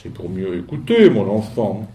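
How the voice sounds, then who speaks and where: A man's voice: huge pitch swings, moderate pace, dark tone. Man doing a sly hungry storybook wolf. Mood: crooning. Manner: low, crooning, wheedling.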